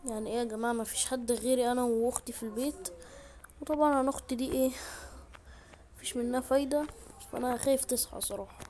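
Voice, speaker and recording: A woman with an Egyptian accent chats excitably through her gameplay, speaking quickly in a slightly high voice. She talks straight to her viewers from a room at home, with a faint hiss behind her. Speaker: gaming YouTuber. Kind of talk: gameplay commentary.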